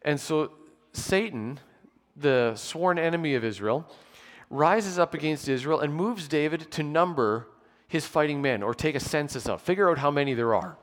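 Man in his 40s, pastor at a pulpit mic, slightly high voice, measured sermon delivery with dry humour, long church reverb. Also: expressive. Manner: measured, explanatory preaching with occasional dry humour. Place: church sanctuary with pews.

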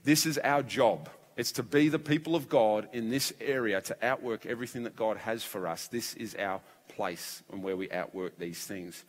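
A male pastor preaches a sermon in a church, his lowish voice sounding strained and fragile. He speaks at a moderate pace with few pauses, telling the story vividly and acting out the voices. The recording carries the long reverb of a church hall.

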